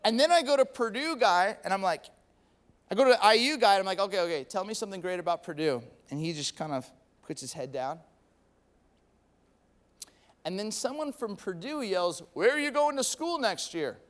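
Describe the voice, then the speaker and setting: A man preaching a sermon as a pastor, telling a story with lively acted-out quotes. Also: high voice, moderate pace, long pauses. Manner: animated storyteller, acts out quoted people.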